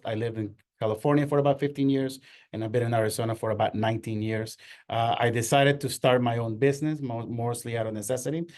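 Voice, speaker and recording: A man's voice: mid-range voice, darkish tone. A middle-aged man from Ecuador, the owner of a marketing agency, giving an earnest workshop talk with many fillers and restarts. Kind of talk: workshop lecture.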